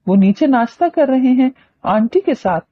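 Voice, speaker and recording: A woman's voice: high voice, lively intonation, normal speed, lo-fi sound, voice pushed up. A woman reading a novel aloud, voicing a teasing, mischievous young man who mocks a girl. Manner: mocking, teasing.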